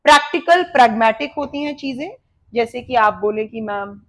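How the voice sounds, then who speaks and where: A woman's voice: a little high, normal speed. A woman with an Indian accent teaching a vocabulary lesson, explaining words with memory tricks and repeating them. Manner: lively explaining with repetition.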